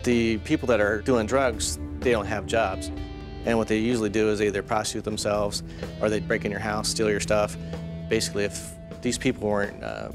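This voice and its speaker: Fast-talking man, dry jail officer. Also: on the low side, flat delivery. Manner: matter-of-fact, dryly joking. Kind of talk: unscripted interview and booking talk. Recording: music under reality TV audio.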